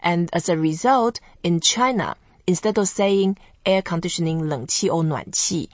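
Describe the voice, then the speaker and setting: A woman's voice: on the low side, dry recording, highs cut off. Woman from Taiwan teaching Chinese. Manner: slow, careful pronunciation drills. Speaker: Chinese language teacher and host. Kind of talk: scripted language lesson podcast.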